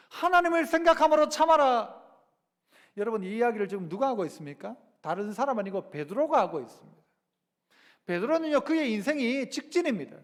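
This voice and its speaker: A man's voice: extremely high pitch, big-room sound. A man preaching a sermon as pastor, talking with the congregation through rhetorical questions and acting out quoted lines. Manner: acts out quoted lines in a lively voice. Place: church sanctuary.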